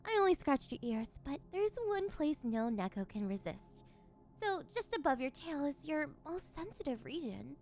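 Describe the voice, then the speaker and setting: A woman's voice: high-pitched, big pitch swings, normal speed, darkish tone. A woman playing a possessive, unhinged yandere villainess in an ASMR role-play, cooing and teasing condescendingly as she domineers over her captive. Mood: teasing, controlling.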